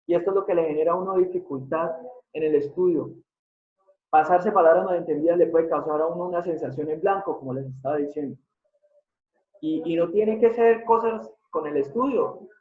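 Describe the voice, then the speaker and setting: A man giving a live online lecture, explaining step by step and often putting questions to his audience. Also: on the high side. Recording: tinny phone-like sound in an echoey room.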